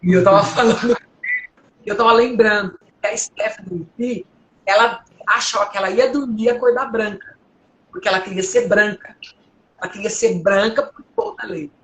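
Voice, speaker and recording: Preaching and sharing testimony at home, this Brazilian woman has a deep, powerful, strong voice that's a bit bright, at a moderate pace. She exhorts her listeners with earnest emotion, and the recording is echoey with a faint hum behind her.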